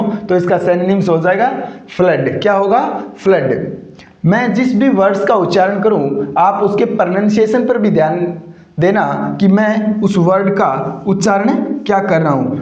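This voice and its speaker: A high-pitched male teacher runs through English vocabulary for exams, using question-and-answer drilling and repeating every word. He stretches each term out slowly so listeners can hear how it's said. The audio is dull, roomy lo-fi.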